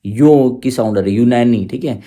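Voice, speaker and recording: A man's voice: mid-range voice, moderate pace, warm tone. A man teaching an exam-prep grammar lesson, explaining step by step and tagging "thik hai" onto his points.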